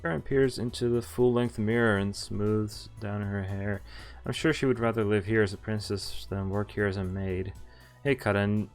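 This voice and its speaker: Game music plays behind a man streaming a visual novel, whose voice sits on the low side with a steady tone at normal speed. He reads the game's text in a jokey, informal way, adding offhand remarks and occasionally tripping over the lines.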